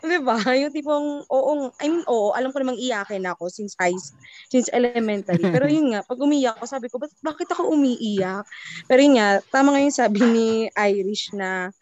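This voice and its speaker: A woman's voice: fairly high pitch, fairly quick, a little mellow, lo-fi sound. A woman in her twenties, a podcast guest, chatting casually and switching freely between English and Tagalog. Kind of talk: casual chat.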